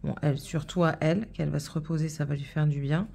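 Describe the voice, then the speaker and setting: A woman's voice: deep voice, fairly even intonation, fast talker, vocal fry, warm tone, slight background noise. A woman in her thirties chatting casually while stitching, telling a rambling story full of fillers. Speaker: vlogger.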